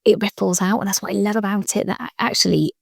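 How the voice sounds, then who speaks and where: A woman, a joy coach and mother, chatting casually in an animated way, laughing often and using lots of fillers. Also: medium pitch, fast talker, vocal fry, breathy edge, no echo, studio quality. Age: adult mother. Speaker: joy coach and podcast guest. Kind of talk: casual conversation.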